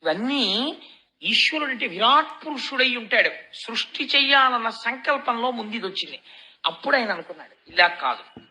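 A woman giving a devotional discourse on scripture. She tells the story in an animated way and keeps asking and answering her own questions. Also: on the high side, normal speed, rough recording.

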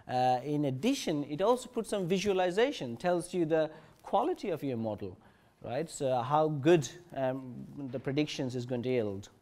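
A man giving a technical conference talk, halting, with many fillers and restarts. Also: fairly high pitch, very animated, mellow. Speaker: conference presenter. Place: conference session room.

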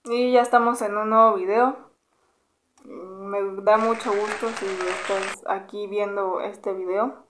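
Background noise sits under this casual Q&A vlog, where a twenty-something Mexican YouTuber with a Mexican Spanish accent answers viewer questions at a slow pace. She speaks in a mid-range voice, relaxed and chatty, humming between questions while recording up close in a small bedroom.

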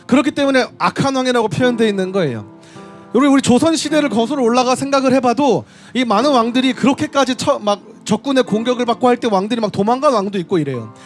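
A man's voice: extremely high pitch, animated, fast talker, soft background music. A man preaching a sermon at a street worship service, retelling scripture and speaking straight to his listeners. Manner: storytelling, reading scripture aloud and addressing the audience directly.

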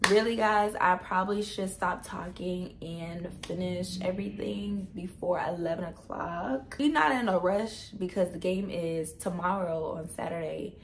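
A young woman talks straight to her viewers in a loose, chatty vlog. Her voice is a little raspy from the early hour, and she laughs easily. A faint hum of ambience sits behind her. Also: on the low side, a little slow, hardly any pauses. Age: young adult. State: slightly raspy morning voice. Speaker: vlogger. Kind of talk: casual vlog chat.

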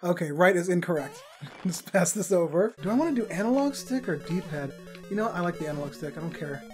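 A man doing casual gameplay commentary with a friend, teasing and excitable, yelping loudly when things go wrong. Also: high voice, brisk, faint music behind. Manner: excitable, teasing, loud yelps at setbacks. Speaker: let's play host.

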